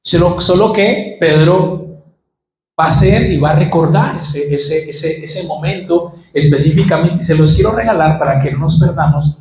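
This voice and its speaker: A man's voice: a little high, normal speed, a little mellow, reverberant, a little hiss or hum, poor audio. A male pastor with a Colombian Spanish accent preaching a sermon, acting out Bible scenes as he goes.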